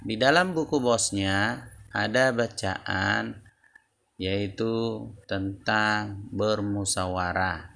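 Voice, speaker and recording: Slow, gravelly-voiced male teacher. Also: lowish voice, pushed and bright. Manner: slow, deliberate explaining with repetitions. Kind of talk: lesson video for children.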